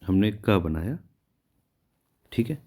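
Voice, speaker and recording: A man with a lowish, slightly mellow voice teaches shorthand step by step, speaking slowly yet with great animation. He counts out each stroke as he draws it and patiently checks in with his students, repeating "ठीक है" to make sure they follow.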